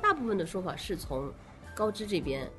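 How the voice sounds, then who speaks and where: A woman's voice: medium pitch, sing-song, a little fast, a bit bright, faint music behind. A woman speaking as an interview guest, explaining things casually step by step. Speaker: guest, association president.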